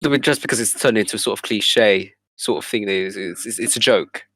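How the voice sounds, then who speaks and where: A man's voice: lowish voice, fairly quick, a bit bright, no room sound. A man in a casual podcast chat, speaking hesitantly with many fillers and restarts.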